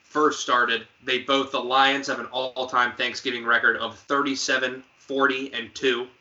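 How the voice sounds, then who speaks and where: A man's voice: mid-range voice, flat delivery, bright, forceful tone, lo-fi sound. A man co-hosting a podcast, chatting casually about football, quizzing his co-host and tossing in jokes. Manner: quizzing, joking, quick asides. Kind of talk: casual sports chat.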